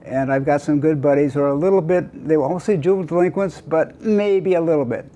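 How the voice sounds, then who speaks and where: A man's voice: fairly high pitch, brisk, warm tone. An older American man in his eighties telling a casual, rambling grandpa story, hesitating and wandering into detailed asides. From Southern California. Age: older, 80s.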